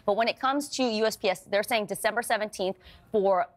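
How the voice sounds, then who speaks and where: Fast-talking woman giving shopping tips. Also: medium pitch. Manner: brisk, informative explainer. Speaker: shopping and consumer guest. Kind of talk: morning show segment explaining tips.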